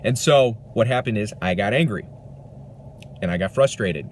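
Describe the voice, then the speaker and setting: Earnest guy talking self-help to camera, low voice, rambly, bit of background hum. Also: expressive, moderate pace. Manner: earnest, reflective, rambling with restarts. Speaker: vlogger.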